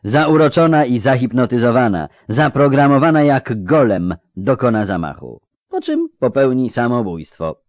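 A man's voice: medium pitch, animated, normal speed, darkish tone, no echo, close to an everyday voice. A man reading an audiobook, voicing a male conspirator who persuades his fellow plotters. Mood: persuasive. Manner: persuasive, rousing.

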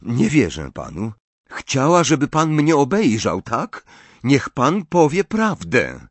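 A man's voice: mid-range voice, sing-song, husky, no echo, voice pushed up, exaggerated voice. A man voicing a suspicious, commanding eleven-year-old orphan boy who flares into rage. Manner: imperious, quick to rage, hissing when awed.

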